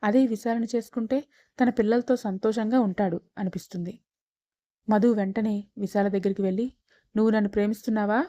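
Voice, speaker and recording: A woman hosting her own channel, calmly narrating a serialized family drama story. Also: medium pitch, a little fast, no room sound. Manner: calm, steady storytelling.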